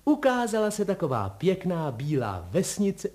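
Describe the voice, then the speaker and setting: A man narrating a fairy tale in a lively, playful reading style. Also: high-pitched. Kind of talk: storybook reading.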